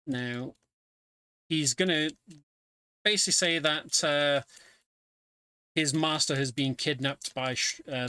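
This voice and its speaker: Medium in pitch, smooth and sharp-toned, this man's voice comes through with no room sound. He is a speedrunner giving relaxed commentary on his own run, describing the story as he plays.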